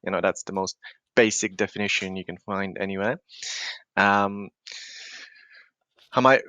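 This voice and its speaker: A man from Lithuania speaks as a podcast guest with a low, smooth, resonant voice. His tone is bright and forceful, and the recording is dry and close. He explains things in a measured way, with frequent ums and uhs. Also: steady tone, dry recording. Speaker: podcast guest, marketing professional. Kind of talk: conversational interview answers.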